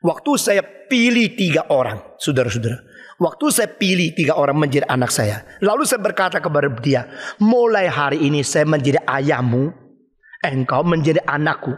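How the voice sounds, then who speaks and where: A man's voice: fairly high pitch, lively intonation, moderate pace. An older man preaching a sermon as a pastor, emphatic and quizzing his listeners with rhetorical questions. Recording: long hall reverb.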